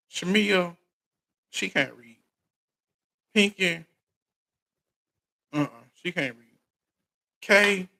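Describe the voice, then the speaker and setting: High-pitched, creaky-voiced American man chatting casually. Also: a bit bright. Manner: repeats and restarts phrases over and over; informal, colloquial phrasing. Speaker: recap show host. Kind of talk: casual live recap chat about reality TV.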